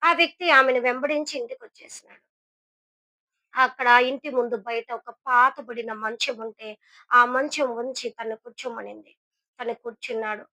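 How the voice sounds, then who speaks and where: A woman's voice: a little high, sharp tone, dry recording, rough recording. A woman preacher telling a story in an earnest, exhorting sermon.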